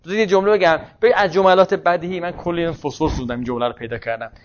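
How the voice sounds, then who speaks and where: Brief: male philosophy lecturer who thinks aloud and corrects himself mid-sentence, dull lo-fi sound. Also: a little high. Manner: questions and answers himself. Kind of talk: university lecture. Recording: muffled lo-fi classroom recording.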